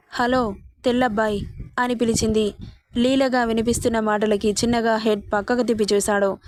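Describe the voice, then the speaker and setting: Higher-voiced woman narrating a story. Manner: expressive, descriptive.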